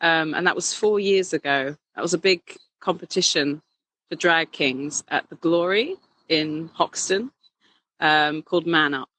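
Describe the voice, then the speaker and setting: A woman talking animatedly as an interview guest, quick to laugh and often restarting her sentences. Her voice is bright and forward, recorded dry and close. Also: deep voice, no room sound, low-quality recording. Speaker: drag king performer, guest. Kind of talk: casual interview chat.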